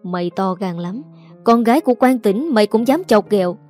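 A woman's voice: medium pitch, animated, fairly quick, soft background music, lightly acted. A woman voicing an angry young nobleman who scolds harshly, in a Southern Vietnamese accent. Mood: furious. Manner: shouting, scolding. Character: young master, angry, commanding man.

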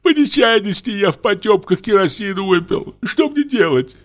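A man's voice: high voice, lively intonation, moderate pace, fairly bright tone, faint music behind, pitched above the performer's own voice. A man voicing a frightened widower who whimpers tearfully, sure he is dying. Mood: whimpering.

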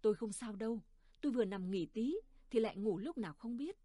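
A woman's voice: on the high side, lively intonation, fairly quick, mellow, dry recording. A woman doing a weary old village mother. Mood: tired, dismissive.

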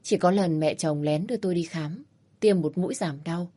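A woman's voice: on the low side, normal speed, warm tone. A woman narrating a first-person story, reading animatedly and flaring into indignant dialogue.

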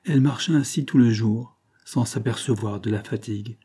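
Man, audiobook narrator, measured reading, husky, dark tone. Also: medium pitch. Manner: steady, measured literary reading. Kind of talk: scripted narration.

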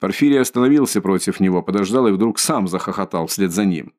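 A man narrating a classic novel as an audiobook in a measured, expressive reading. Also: low-pitched. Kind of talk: scripted literary narration.

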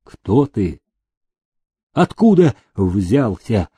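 A man voicing a stern army major who shouts at his prisoners. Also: fairly low pitch, very animated, extremely slow, slightly rough, no room sound, pitched below the performer's own voice, exaggerated voice. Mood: angry. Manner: barking, harsh.

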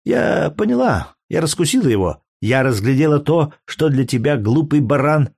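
A man's voice: fairly high pitch, very animated, moderate pace, vocal fry, darkish tone, no room sound, clean studio sound, pitched above the performer's own voice, full character voice. A man reading aloud and voicing a jealous, scornful young Greek courtesan with a biting, mocking manner.

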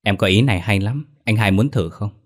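A man voicing a sly, wicked woman who is a demon hiding in a human body; she talks in a sharp, impatient way. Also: fairly low pitch, fairly quick, natural voice. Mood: sly, irritated.

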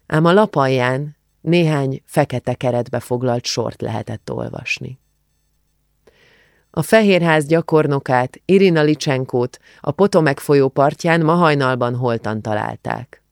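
Hungarian guy narrating a novel, gravelly voice, super dry close mic. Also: mid-range voice, no echo. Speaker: audiobook narrator. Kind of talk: scripted narration.

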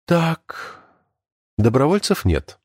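A man's voice: a little high, sing-song, slow, darkish tone, breathy edge, no echo, studio quality, pitched above the performer's own voice, heavily acted. A man reading an audiobook, voicing a stern, cutting female schoolteacher.

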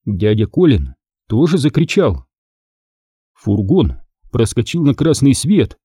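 A male narrator reading a children's book aloud with lively, varied pitch. His voice is mellow and husky. The recording is dry and close. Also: slow pace, no echo. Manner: expressive storytelling. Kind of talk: audiobook narration.

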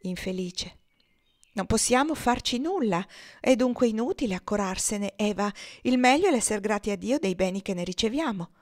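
A woman's voice: medium pitch, lively intonation, moderate pace, close to an everyday voice. A woman voicing a self-pitying, languid wealthy mother with a whiny, dismissive manner, read aloud from a storybook.

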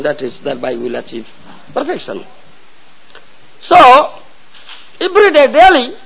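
Male preacher, high and very animated, husky voice, questions the audience a lot. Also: highs cut off. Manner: asks listeners questions, repeats phrases. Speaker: religious teacher. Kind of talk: devotional sermon with storytelling.

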